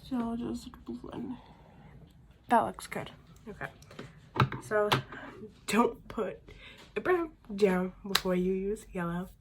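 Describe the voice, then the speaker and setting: A young woman doing a makeup tutorial as a beauty vlogger chats slowly with long pauses, murmuring and trailing off mid-task. Her medium-pitched voice is slightly raspy from a recent sickness, with background noise behind her.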